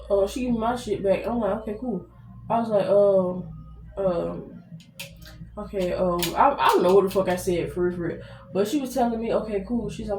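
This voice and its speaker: A young American woman telling a story casually to viewers, blunt and slangy, swearing heavily. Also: mid-range voice. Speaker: vlogger. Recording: roomy echo, distant mic, faint noise.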